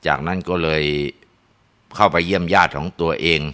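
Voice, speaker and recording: A man narrating a ghost story in a relaxed way, with frequent tag particles and filler sounds. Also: low-pitched, moderate pace.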